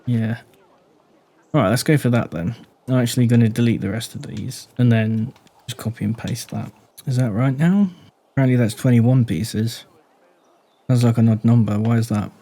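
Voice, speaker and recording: A gaming YouTuber casually comments on a game build, keeping his voice deliberately low and quiet as he thinks aloud and puts questions to the viewer.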